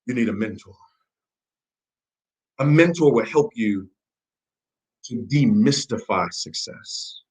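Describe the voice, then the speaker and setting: This poor-quality recording captures a medium-pitched man whose accent blends American and Nigerian. He runs a network marketing training in a preachy, motivational style, hammering points home repetitively and putting questions to his audience.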